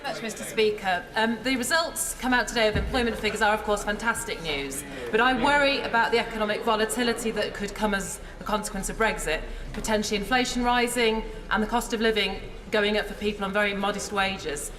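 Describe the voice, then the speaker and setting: A woman's voice: mid-range voice, a little fast, few pauses, a crowd in the background. A woman member of parliament putting a formal question in an earnest, urging way. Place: large debating chamber. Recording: distant mic in echoey hall.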